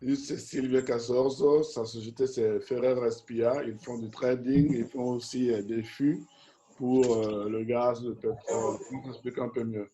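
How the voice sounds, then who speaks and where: Man hosting a webinar, mid-pitched voice. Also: fairly even intonation, moderate pace, dark tone, poor audio. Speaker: webinar host and organisation president. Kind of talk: informal moderating and interpreting. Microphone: video call.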